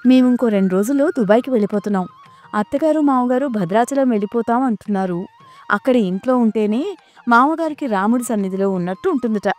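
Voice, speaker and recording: A woman voicing a friendly, talkative neighbor who is a teacher, speaking in brisk, breezy chatter. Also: on the high side, lively intonation, darkish tone, soft background music, natural voice.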